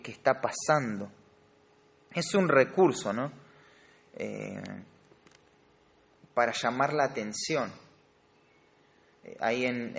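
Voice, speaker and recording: Argentine man teaching a grammar class. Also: mid-range voice. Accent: Rioplatense Spanish. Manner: explanatory, asks the class questions.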